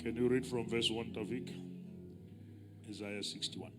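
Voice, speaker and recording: A bishop preaching a sermon at a pulpit microphone, moving between calm teaching and loud, shouted climaxes. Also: male voice, mid-range voice, measured pace. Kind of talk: sermon, mixing English and Sesotho. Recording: music playing behind.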